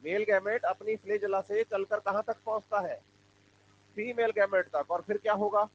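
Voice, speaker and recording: A man's voice: high-pitched, fairly even intonation, moderate pace. A male biology teacher lecturing a class, asking questions and having students answer back. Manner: call-and-response questioning. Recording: dull lo-fi classroom recording with faint hum.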